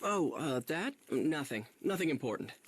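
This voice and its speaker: A man's voice: on the high side, sing-song, moderate pace, husky. A man voicing an earnest young hero who thinks aloud in a video game. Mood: evasive. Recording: game music behind the voice.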